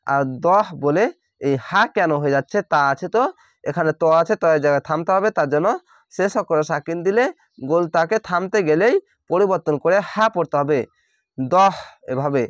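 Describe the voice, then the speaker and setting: A man teaching Quran reading, spelling each letter and vowel mark slowly before reciting the word drawn out. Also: on the high side, no room sound, clean studio sound.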